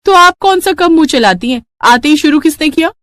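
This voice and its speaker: एक महिला, कार्टून कहानी में पलटकर जवाब देने वाली जवान बहू की आवाज़ करती हुई।. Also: female voice, high voice, expressive, brisk, a bit bright, no echo, pitched above the performer's own voice. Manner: cheeky, talks back. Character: sharp-tongued young daughter-in-law.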